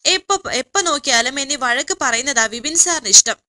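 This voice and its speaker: A woman's voice: sits high, lively intonation, a little fast, sharp tone, exaggerated voice. A woman voicing a tearful young woman pleading over the phone, in a serial story recap. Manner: pleading, weepy.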